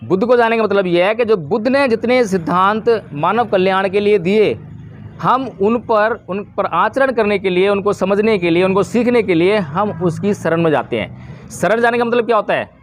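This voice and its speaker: High-voiced man preaching dhamma. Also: normal speed, a little hiss or hum. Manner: asks the listeners questions and answers them himself. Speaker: Buddhist preacher. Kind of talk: dhamma talk to a village gathering.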